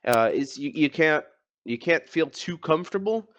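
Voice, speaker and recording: A man giving live esports analysis in a hesitant way, often pausing and restarting his sentences. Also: on the high side, lively intonation, fairly bright tone. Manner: hesitant, lots of fillers and restarts. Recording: dull lo-fi mic.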